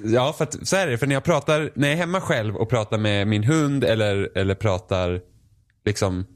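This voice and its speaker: A man's voice: on the low side, animated. A young man co-hosting a casual chat podcast, with a standard Swedish accent and a dry, self-deprecating way of talking in loose restarts. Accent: Swedish from Sweden, Finland-Swedish family background. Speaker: podcast co-host.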